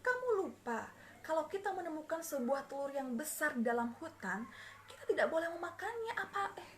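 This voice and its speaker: A woman's voice: sits high, very animated, fairly quick, slight background noise, voice pushed up. A woman voicing a worried older sibling. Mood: anxious. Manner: coaxing, then anxious and soothing. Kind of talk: storytelling.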